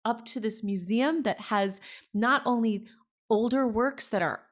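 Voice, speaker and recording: A woman in her forties from New Jersey, the founder of a story salon, is interviewed in casual conversation. Her voice is a little high and unhurried, and she talks with enthusiasm and animation.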